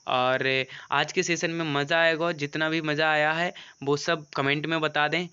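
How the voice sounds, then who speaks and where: A man's voice: on the high side, steady tone, pushed and bright, smooth. Male teacher coaxing students. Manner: coaxing, repeats phrases, reads English sentences slowly. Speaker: English teacher. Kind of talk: online grammar class. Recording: dull lo-fi sound.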